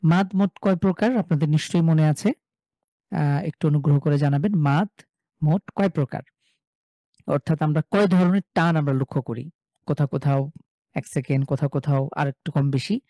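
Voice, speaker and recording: A man from Bangladesh teaches a live online class on reading the Quran, explaining in a relaxed way with many fillers and slowly chanting example syllables. His voice is on the high side, and the recording is dry.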